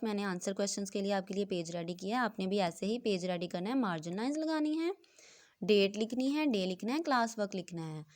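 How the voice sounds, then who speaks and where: A woman's voice: medium pitch, darkish tone. Woman teacher talking through a class lesson. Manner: explains in Hindi, reads English text slowly. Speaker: school teacher.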